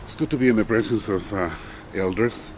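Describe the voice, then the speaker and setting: An older man from Chile speaking solemnly and in measured phrases at an outdoor memorial gathering, standing away from the microphone. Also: lowish voice, a little hiss or hum. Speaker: poet. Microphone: far from the mic.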